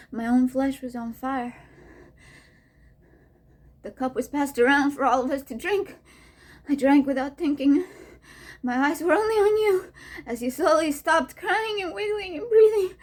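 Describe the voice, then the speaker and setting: A young mother mourns her murdered baby, voiced by a woman rehearsing a monologue. Her high, breathy voice trembles with tears and keeps falling to a whisper. She is raw and anguished. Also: a little mellow. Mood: grim. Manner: tearful, sliding into whispers.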